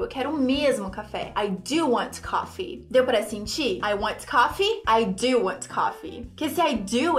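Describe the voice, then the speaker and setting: Woman, high voice, Brazilian Portuguese accent, English teacher, animated, slow modeled phrases. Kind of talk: online English lesson.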